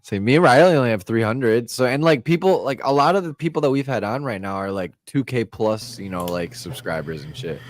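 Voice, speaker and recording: A man's voice: mid-range voice, lively intonation, a little fast, hardly any pauses, no room sound. A young adult man hosting a casual paranormal chat, swearing and laughing often. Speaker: podcast host.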